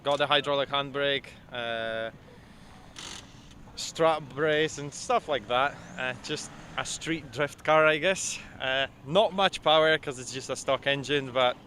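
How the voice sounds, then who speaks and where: Bright-voiced man from Poland. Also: medium pitch, a little slow, slight background noise. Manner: relaxed, hesitant, many "uh"s. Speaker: drift driver. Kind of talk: casual interview answers. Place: outdoors at a drift event.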